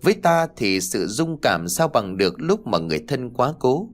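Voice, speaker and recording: A man narrating a story in a measured, expressive way. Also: medium pitch, faint music behind.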